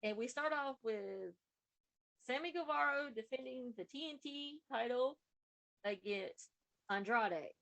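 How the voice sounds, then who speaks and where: A woman's voice: sits high, animated, measured pace, creaky, fairly bright tone, low-quality recording. Woman giving a casual podcast recap. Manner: recaps events in a plain, running play-by-play way. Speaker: podcast co-host.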